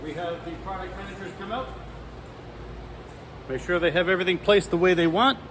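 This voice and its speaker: A man's voice: high voice, fairly even intonation, a little fast. A man working as a reporter, presenting and interviewing on location. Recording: noisy location sound, vehicle noise.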